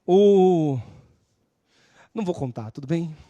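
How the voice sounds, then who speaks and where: A woman lecturing on law, telling lively stories and constantly checking in with her class. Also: fairly low pitch, takes it slowly, muffled recording. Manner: animated, acts out scenes.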